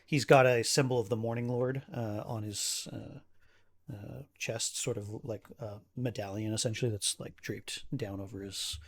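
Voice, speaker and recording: Husky-voiced man narrating a tabletop game. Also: on the low side, fairly even intonation, moderate pace. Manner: casual, filler-heavy narration. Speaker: game master.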